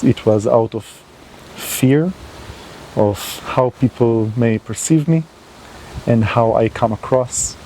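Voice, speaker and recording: This channel host, a man whose first language isn't English, talks unscripted to the camera with a warm, medium-pitched voice. He hesitates a lot, using many fillers and restarts, and the rough recording carries a little hiss or hum.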